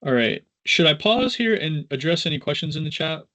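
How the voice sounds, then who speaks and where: A man instructor giving a casual live software tutorial, informal and halting as he thinks aloud. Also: a little high, lively intonation.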